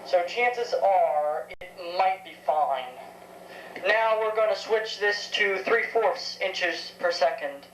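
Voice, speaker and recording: A seventeen-year-old vintage tech fan gives a slow, low-ish spoken demo of a tape recorder. She's casual and unscripted, pausing hesitantly to think aloud. The room sounds echoey, with faint background noise.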